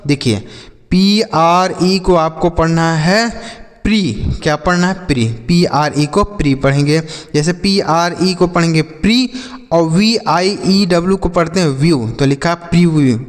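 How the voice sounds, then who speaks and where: Slow-spelling man teaching English phonics. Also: on the high side, big-room sound. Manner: repetitive call-and-response questioning; spells words out letter by letter, slowly. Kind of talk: classroom-style phonics lesson.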